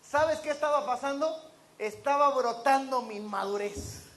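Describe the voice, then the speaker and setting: A man's voice: extremely high pitch, measured pace, fairly bright tone. A man preaching a sermon to a congregation, throwing out rhetorical questions and acting out the voices of the people in his stories. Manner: acts out quoted voices of others.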